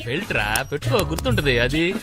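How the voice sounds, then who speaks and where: A bossy master of the house, quizzing tone, heavy music bed. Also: male voice, very animated, fairly quick. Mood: teasing. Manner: mock-questioning, rising to high teasing tones. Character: gruff master of the house, teasing and strict. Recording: film audio with loud music behind.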